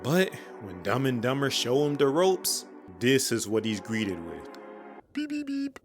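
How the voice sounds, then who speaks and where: A man's voice: medium pitch, very animated, a little slow, faint music behind. A man giving comedic commentary on cartoon episodes, joking and ranting in slangy speech. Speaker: cartoon reviewer.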